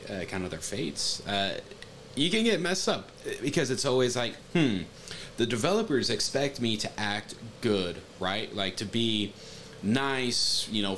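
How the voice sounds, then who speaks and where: A man's voice: fairly low pitch, fairly bright tone, slight background noise. A man on a webcam stream reacting to a games showcase in casual, hesitant talk full of fillers and restarts. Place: home room, seated at webcam.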